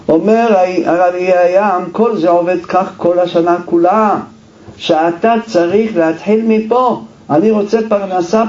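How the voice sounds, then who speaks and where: Male preacher with a high, mellow voice, rhetorical questions, roomy dull recording. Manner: emphatic, asks rhetorical questions and answers them. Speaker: religious teacher. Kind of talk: sermon. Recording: roomy echo, dull lo-fi sound.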